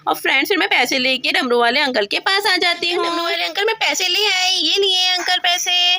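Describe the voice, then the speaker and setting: A woman voicing an excited little girl who pleads and repeats herself in a doll-play story. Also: very high voice, fairly quick, heavy background noise. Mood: delighted. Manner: whiny pleading, repeats words.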